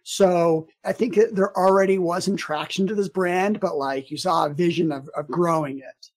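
A man's voice: high voice, steady tone, moderate pace. Chatty male podcast host. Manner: chatty, lots of fillers and restarts. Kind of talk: casual interview.

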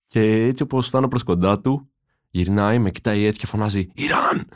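Laid-back young man, lowish voice. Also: darkish tone. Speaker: podcast co-host. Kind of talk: casual storytelling chat.

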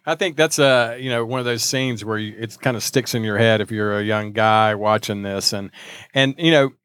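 A man's voice: lowish voice, normal speed, a bit bright, clear, resonant tone, no echo. A man co-hosting a podcast in casual chat, rambling through long thoughts with lots of fillers. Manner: rambling, many fillers and restarts. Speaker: podcast co-host.

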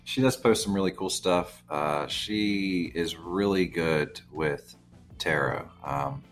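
A man's voice: low-pitched, slow pace, soft background music. A man hosting a podcast in a loose, casual chat, rambling with lots of fillers and the odd swear word. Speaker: podcast host.

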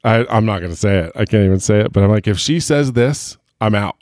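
A man's voice: lowish voice, expressive, quick pace, a little mellow, no echo. A man co-hosting a podcast in casual chat, joking and a little self-conscious as he rambles. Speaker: podcast co-host.

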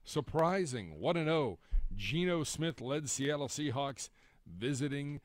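A male host who reads out each matchup in a mock-announcer style, stretching the words and filling gaps with "uh". His pitch is lively, and the sound is dry and close. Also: no echo. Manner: drawn-out announcer delivery with fillers. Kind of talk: casual sports podcast, mock-announcer intros.

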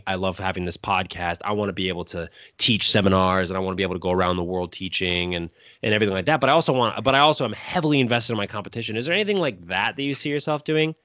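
A man in his twenties hosts a podcast, talking quickly and loosely with plenty of fillers. The sound is dry and close. The recording is dull and lo-fi. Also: fairly low pitch, a bit bright, no echo. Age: 20s. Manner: loose, filler-heavy, chatty. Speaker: podcast host. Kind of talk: casual interview chat.

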